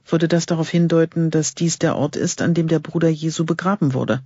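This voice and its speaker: An eager, secretive male archaeologist, read by a man in an audiobook, explaining his find in an earnest tone. The voice is husky and fairly high. The recording is dry and a little dull and lo-fi. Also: fairly even intonation, fairly quick, a little mellow, no echo.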